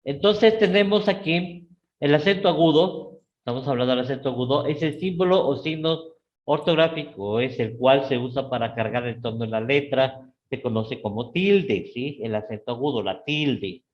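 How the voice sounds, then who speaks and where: A middle-aged man with an Ecuadorian Spanish accent teaching a live class, often checking in with his students and rising sharply in pitch on key words. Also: moderate pace, muffled recording. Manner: repeats "¿sí?" and "¿no es cierto?" to check on students; lively, with sudden rises in pitch.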